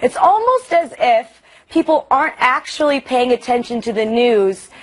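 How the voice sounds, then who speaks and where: A woman gives dry, sarcastic opinions on a talk show panel. Her voice is husky and breathy. It sits a little high. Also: big pitch swings, moderate pace. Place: television studio.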